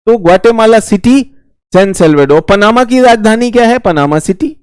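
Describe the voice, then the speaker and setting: High-voiced Indian man teaching geography. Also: expressive, normal speed, smooth, dry recording, studio quality. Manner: chatty, teasing, repeats key words. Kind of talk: live online exam-prep class.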